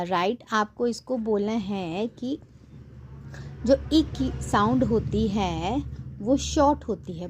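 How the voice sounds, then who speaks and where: A woman teaching a phonics lesson to a child, patient and coaxing, sounding words out slowly. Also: medium pitch, darkish tone, a little hiss or hum.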